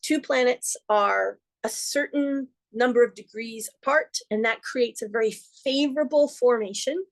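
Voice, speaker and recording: A middle-aged woman hosts an astrology forecast in a somewhat high voice. She talks earnestly and conversationally, slipping in playful asides. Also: normal speed, few pauses. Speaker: astrologer host.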